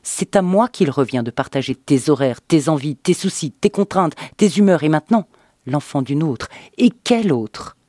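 A man voicing a bitter, furious wife in an audiobook, with a sarcastic, shouting delivery. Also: a little high, lively intonation, normal speed, no echo, clean studio sound. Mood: angry. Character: bitter, furious wife, woman in her thirties. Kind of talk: dramatic audiobook reading.

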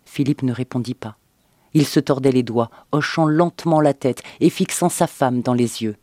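A man reading a novel aloud as narrator in an expressive, dramatic audiobook style. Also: mid-range voice, moderate pace, no echo, studio quality.

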